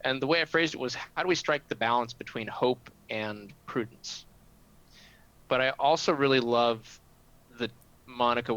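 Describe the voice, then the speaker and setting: Reflective male host, bright forceful tone, muffled lo-fi call sound. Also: medium pitch, smooth. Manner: reflective, searching for words. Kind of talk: casual video call chat.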